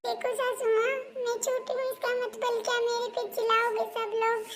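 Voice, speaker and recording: A woman's voice: very high-pitched, little pitch movement, moderate pace, recorded from a distance, a loud crowd, pitched above the performer's own voice. A woman voicing a plaintive young newlywed daughter-in-law who complains in a whiny way. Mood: aggrieved.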